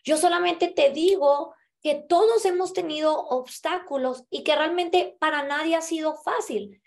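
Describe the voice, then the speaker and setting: A young woman with a Mexican Spanish accent tells her personal story straight to a camera in a small indoor room. Her voice sits a little high, and she talks in an animated way. She keeps checking in with her listeners as she goes. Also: a little slow, gravelly. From US-Mexico border (El Paso, Texas). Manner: animated, gesturing with both hands, many filler tags like "¿verdad?". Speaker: motivational speaker.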